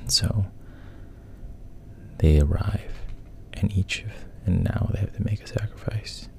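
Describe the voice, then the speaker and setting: In a low, gravelly, breathy voice, a man relaxedly retells a story, hushed and halting, repeatedly lowering his voice to a whisper.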